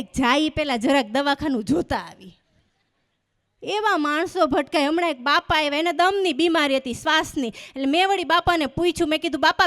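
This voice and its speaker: A high-voiced woman with a Gujarati accent performs comic stories before a live audience. She tells them in a lively way and voices the people in them. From Gujarat, India. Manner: lively storytelling with voiced dialogue. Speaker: stand-up comedian. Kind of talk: live comedy storytelling.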